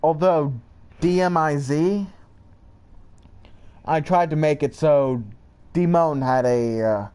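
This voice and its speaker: Young male vlogger, slow rambling delivery, slightly high voice, halting. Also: a little mellow, clean tone. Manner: rambling, halting, jumps between high and low pitch. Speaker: channel creator. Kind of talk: rambling lore monologue.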